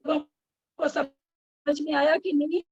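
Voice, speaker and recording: Online कक्षा में ज़ोर देकर समझाती एक शिक्षिका, कॉल की आवाज़ बीच-बीच में टूटती और कटती है।. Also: female voice, high-pitched, flat delivery, very slow. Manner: explains insistently, scolding students gently. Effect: choppy, breaking call audio. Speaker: scripture study teacher. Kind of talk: online scripture class. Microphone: online call. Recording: dull lo-fi online call audio.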